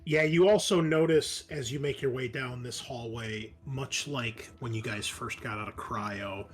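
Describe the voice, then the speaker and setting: As game master of a tabletop roleplaying session, a man with a mid-range voice improvises narration that is descriptive but halting.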